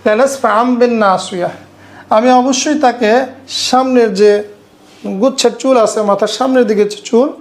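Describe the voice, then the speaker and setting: A woman teaching an Arabic grammar class, reciting verses slowly and explaining them step by step while quizzing her students. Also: fairly high pitch. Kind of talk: online class lecture.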